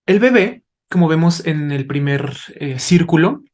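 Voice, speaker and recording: A man's voice: a little high, lively intonation, measured pace, a little mellow. A man, a doctor, explaining to parents in a didactic way, asking rhetorical questions as he goes. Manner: didactic, asks rhetorical questions, tags with "¿vale?". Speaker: doctor, invited expert.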